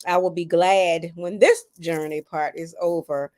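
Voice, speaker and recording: A woman's voice: fairly low pitch, fairly even intonation, a little slow, darkish tone, dry recording, clean studio sound. A woman hosting a casual livestream chat, tired as she recovers from chemo, emotional and thankful, talking like a preacher. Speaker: host.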